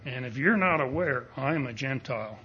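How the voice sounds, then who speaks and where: A male pastor preaching a sermon at a pulpit microphone, speaking in a deliberate, emphatic way and building up to strong declarations. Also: medium pitch, lively intonation, breathy edge, lo-fi sound. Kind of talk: expository sermon. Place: church sanctuary.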